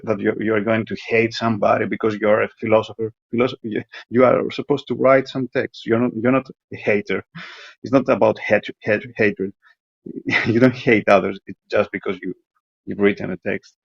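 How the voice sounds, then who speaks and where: A man leaving a long answering machine voicemail message, lecturing in a halting way with frequent restarts and stumbles. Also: mid-range voice, vocal fry, husky, no echo. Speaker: voicemail caller. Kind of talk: recorded voicemail monologue. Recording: dull lo-fi voicemail line, dry.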